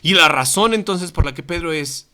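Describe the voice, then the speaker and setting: A man's voice: on the high side, moderate pace, slight background noise. A man with a Mexican accent teaching a Bible study class to a congregation in church, speaking into a microphone and acting out quoted voices. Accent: Mexican Spanish. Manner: animated, acts out quoted voices. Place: church meeting room.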